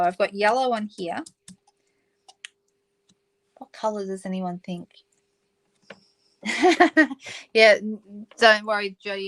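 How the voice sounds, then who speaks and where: A woman's voice: mid-range voice, a bit bright, rough recording. A middle-aged Australian woman hosting a live papercraft stream, chatting casually and reading out viewer comments as she works. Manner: chatty, reads out viewer comments, self-correcting. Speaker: craft livestream host. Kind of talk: casual live craft demonstration.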